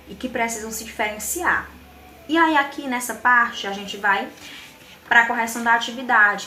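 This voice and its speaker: A woman's voice: on the high side, sharp tone, reverberant, a little hiss or hum. A Brazilian woman teaching a Spanish lesson in Portuguese with a Brazilian accent, patiently explaining exercises and checking in with the class.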